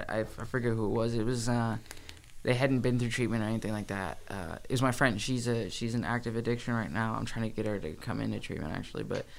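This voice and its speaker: A man's voice: mid-range voice, vocal fry. A young man who works as staff at an addiction treatment center, talking frankly and profanely in casual conversation. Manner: frank, profane, animated storytelling.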